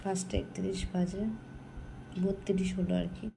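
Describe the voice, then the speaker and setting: A tired woman, talking softly and slowly to her phone camera at home in the early morning. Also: fairly low pitch, level tone, creaky, noisy background. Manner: speaks softly and slowly so as not to wake her family. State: sleepy and tired. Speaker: vlogger. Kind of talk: casual chat to camera.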